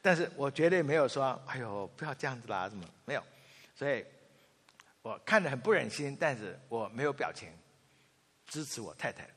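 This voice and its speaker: A man in his fifties giving a sermon, telling family anecdotes in an animated way and acting out the quotes. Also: mid-range voice, fairly quick, breathy edge. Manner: storytelling, animated, acts out quotes. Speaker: pastor. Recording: long reverb of a large hall.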